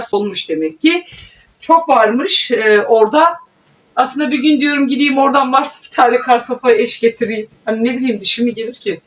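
A vlogger chats casually at home, cooing affectionately to her pet parrot as she works, her voice high-pitched and fairly bright. The mic sits at a distance, and background noise comes through clearly.

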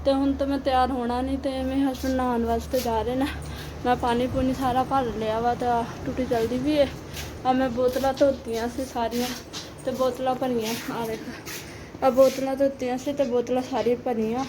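A woman's voice: high-pitched, little pitch movement, fairly quick. A woman with a Punjabi accent chatting casually in a home vlog, animatedly exclaiming as she retells things, on a noisy handheld recording. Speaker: vlogger. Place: at home, moving between rooms.

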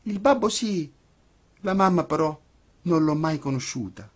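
A man voicing a small, frightened wooden puppet boy who talks in a shrill, pleading way. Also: animated, a little slow. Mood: plaintive.

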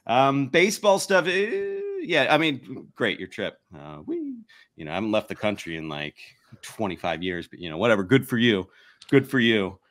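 A man's voice: on the low side, wildly swooping pitch, normal speed, a bit bright. A man hosting a podcast in casual chat, rambling and poking fun at himself. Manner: rambling, self-deprecating, jokey. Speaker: podcast host.

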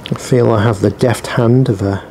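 A man's voice: medium pitch, fairly even intonation, moderate pace, creaky, mellow, slight background noise. A man talking casually in a workshop vlog, rambling with dry, self-deprecating humour while he works at his bench. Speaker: small business owner blogging his work. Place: workshop with a heater running. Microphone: mic on the bench below him.

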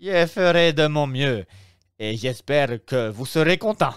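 A man reading aloud and voicing an excitable, flattering Italian innkeeper in a raised, exclamatory voice. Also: measured pace, clear, resonant tone, dry recording, clean studio sound. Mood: eager. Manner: exclamatory, fawning, pitched high.

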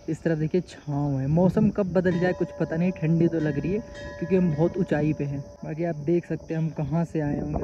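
A man's voice: on the high side, lo-fi sound. A young man filming a casual travel vlog on a phone at arm's length outdoors, talking straight to his viewers in a chatty way. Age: young adult. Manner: chatty, addresses viewers directly. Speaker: travel vlogger. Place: outdoors on a windy hill road. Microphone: phone camera at arm's length.

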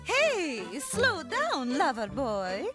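An actress voicing a vain, flirtatious female cat who talks in a slow, purring, coy way. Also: high-pitched, sing-song, music in the background, full character voice. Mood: flirty.

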